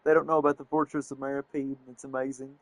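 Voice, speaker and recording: A man commenting on a video game as he plays, excitable and gushing. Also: medium pitch, fast talker, no echo. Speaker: gaming streamer. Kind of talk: gameplay commentary.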